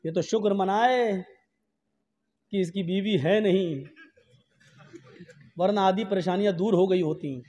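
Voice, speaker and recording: A man with a strikingly high voice delivers a humorous sermon, spinning anecdotes with lively, joking energy. His words ring out in a large hall with a long reverb tail. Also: a little slow, long pauses, muffled recording. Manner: storytelling, animated, jokey. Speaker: preacher.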